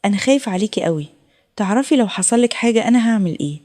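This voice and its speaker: A woman voicing a worried, shy teenage son with an Egyptian accent, talking in a halting, hesitant way and gently reproaching his mother. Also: medium pitch, lively intonation, close to an everyday voice. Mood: gently reproachful. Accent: Egyptian Arabic.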